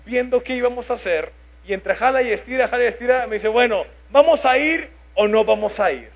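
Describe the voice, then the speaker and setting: A man's voice: extremely high pitch, a little fast. A man in his thirties with a Mexican Spanish accent, preaching a sermon, telling a personal story and acting out his own thoughts. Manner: animated, acts out his own inner voice.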